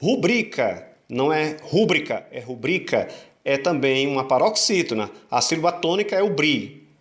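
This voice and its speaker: Male teacher, slightly high voice, patient, repeats rules, drawn-out syllables. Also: expressive, fairly bright tone. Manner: patient, repeats key rules and asks rhetorical questions; stretches syllables slowly to show stress. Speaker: Portuguese teacher. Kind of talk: online grammar lesson.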